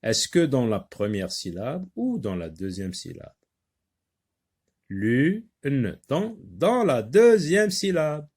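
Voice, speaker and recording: A Moroccan-accented man teaching young children to read, breaking words into syllables and repeating them slowly. He talks at a mid pitch and explains each step of the exercise patiently. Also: very animated, darkish tone, slightly rough. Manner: switches between French and Moroccan Arabic, slow syllable-by-syllable drilling. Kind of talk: phonics lesson for young learners.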